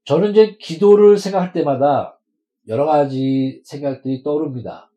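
A man's voice: a little high, normal speed, warm tone, rough recording. A male pastor preaching a sermon to his congregation, emphatic and stretching words out for stress.

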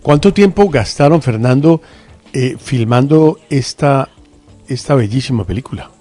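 A man hosting a radio interview, effusive and admiring, speaking haltingly with many fillers. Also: mid-range voice, animated, dark tone, faint music behind.

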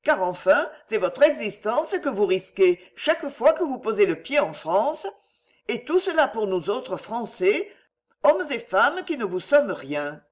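A man's voice: high-pitched, sing-song, a little slow. A man voicing an anxious, grateful French countess in an audiobook, earnest and pleading.

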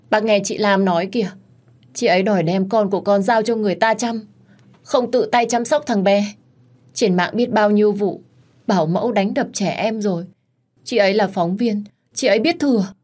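A woman's voice: medium pitch, moderate pace, darkish tone, lightly acted. A woman voicing a whiny, tearful young pregnant woman who accuses and pleads. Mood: whiny, accusing.

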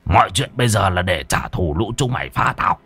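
A man doing a low cackling treacherous sorcerer. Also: animated, a little fast, breathy edge, exaggerated voice. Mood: gloating. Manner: low hushed menacing voice with cackling laughs. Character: treacherous male sorcerer, sneering and vengeful.

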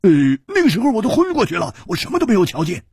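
A boisterous young swordsman from a spoken martial-arts story, put on by a male storyteller. The voice sits high above the reader's own and leaps about in pitch, with a husky rasp, close and dry. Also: huge pitch swings, racing, dry recording, full character voice. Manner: loud, sighing, chuckling, fillers.

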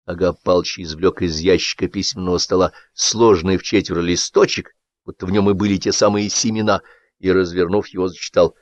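Brief: male audiobook narrator, low and ironic, close dry recording. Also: level tone, fairly quick, no echo, muffled recording. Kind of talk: scripted satirical narration.

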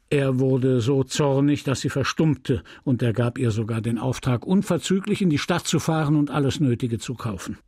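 A man reads a classic novel aloud in a measured, grave narration. His voice is gravelly and husky, and the recording is dry and close, with no room sound. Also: mid-range voice, dark tone, no echo. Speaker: audiobook reader. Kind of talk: scripted literary narration.

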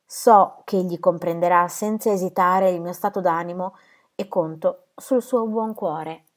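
A woman's voice: on the low side, steady tone, a little slow, natural voice. A woman reading aloud a letter from a worried young woman, in an earnest and anxious tone.

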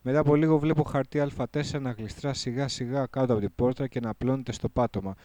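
A man's voice: medium pitch, fairly even intonation, warm tone, slight background noise. A man reading his own surreal first-person story in a casual, slangy way, stopping to correct his lines. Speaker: performer recording a spoken piece.

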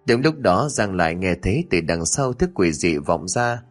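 A man narrating a horror story in a dramatic, expressive reading. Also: sits low, moderate pace, soft background music.

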